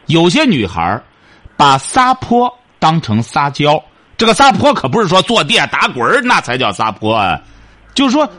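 A man's voice: a little high, wildly swooping pitch, moderate pace, bright, forceful tone. A man hosting a radio advice show, lecturing a caller in an emphatic, repetitive way.

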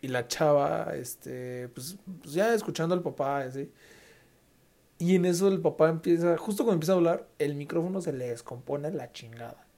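A young man with a Mexican Spanish accent tells stories on his podcast. He talks loosely and full of slang, and he keeps slipping into the voices of the people he quotes. His voice sits a little high. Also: normal speed, dark tone. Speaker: podcast host. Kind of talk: casual storytelling.

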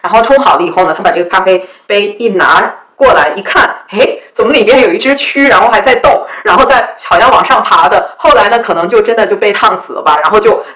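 A woman's voice: medium pitch, animated, fast, few pauses, a bit bright, roomy sound, poor audio. A woman telling stories to her viewers in a casual, chatty way, often asking "you know?". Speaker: vlogger. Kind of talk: casual storytelling.

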